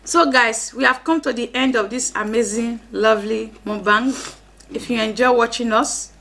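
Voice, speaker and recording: A woman's voice: a little high, moderate pace. A woman with a Nigerian accent in casual mukbang chat, speaking between bites as she eats. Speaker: mukbang vlog host. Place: indoor room, seated at a table. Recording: clear steady background noise.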